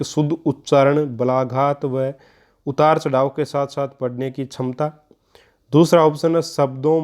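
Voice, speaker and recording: A man's voice: medium pitch, dark tone. A man, teaching an online exam-prep lesson and explaining each answer step by step to the listeners he calls friends.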